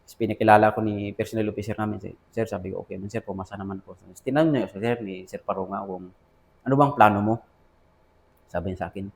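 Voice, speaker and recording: A man's voice: fairly low pitch, fairly even intonation, fast talker, gravelly. A man with a Filipino accent, an army officer recounting his career in a casual interview, often saying sir and quoting past conversations. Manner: addresses listener as sir often, quotes dialogue.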